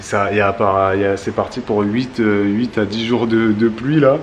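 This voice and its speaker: Low-voiced man vlogging casually, noisy background. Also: fairly even intonation, moderate pace, dull audio. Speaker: vlog host. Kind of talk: casual family vlog chat.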